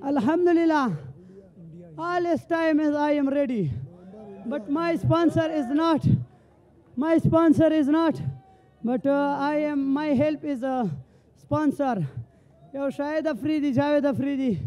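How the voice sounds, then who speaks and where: High, mellow-voiced man in halting English. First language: not English. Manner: broken, halting English in short fragments. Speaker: MMA fighter being interviewed. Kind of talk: post-fight interview. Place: live fight event venue.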